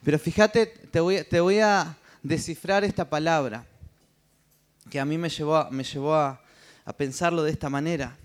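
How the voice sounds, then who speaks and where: A man's voice: a little high, moderate pace. A man with a Rioplatense Spanish accent preaching a sermon, checking in with the listeners through constant tag questions.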